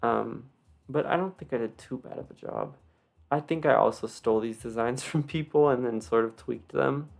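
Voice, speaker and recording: A video creator gives a casual, unscripted tour of a game build, rambling and poking fun at himself, with a slight lisp from wearing retainers. His mid-range voice is gravelly and moves at a normal speed, with faint music in the background.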